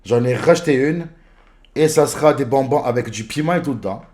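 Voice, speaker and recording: Young man livestreaming, joking and loud. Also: medium pitch, a little fast. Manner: joking, reads viewer messages aloud with bursts of loud excitement. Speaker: live streamer. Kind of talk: casual live-stream chat. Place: at home in his apartment.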